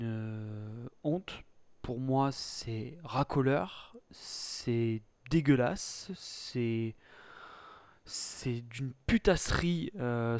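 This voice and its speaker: A blunt, sarcastic man co-hosts a casual chat about films, swearing freely when something annoys him. His voice sits at a middle pitch and sounds dry and close, with no room echo. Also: darkish tone, smooth. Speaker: co-host. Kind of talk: casual film news chat.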